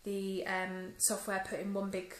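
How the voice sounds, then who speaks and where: A woman's voice: medium pitch, monotone, unhurried. Woman rambling thru a phone review, lots of ums, recorded on a handheld phone in an echoey room. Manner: chatty, many ums, mildly disappointed. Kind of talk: casual vlog review. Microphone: phone held at arm's length.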